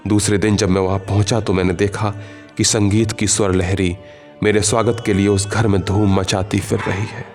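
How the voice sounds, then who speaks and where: Guy reading a short story aloud, lowish voice, calm literary pace, soft music under it. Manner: measured, literary first-person reading with quiet emotional shifts.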